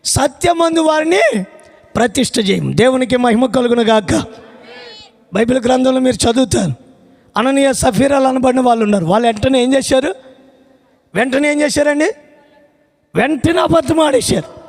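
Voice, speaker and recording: High voiced gravelly male pastor preaching, telling a funny story, big reverb from the hall. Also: moderate pace, long pauses. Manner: storytelling, shouting praise calls to the congregation. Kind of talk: sermon with a comic story.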